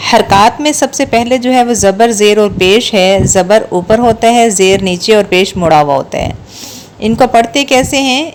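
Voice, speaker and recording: Woman teaching recitation slowly, faint hiss. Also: medium pitch. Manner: patient, slow drills of syllables. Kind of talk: step-by-step spoken lesson.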